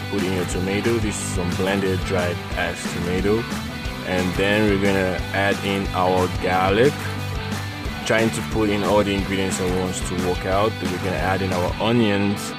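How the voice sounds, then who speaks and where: Deep-voiced man jokily narrating a recipe over music. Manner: playful, goofy, repeats phrases. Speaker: cooking video narrator. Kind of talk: casual, jokey recipe voice-over. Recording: loud guitar music behind voice. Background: loud plucked guitar music.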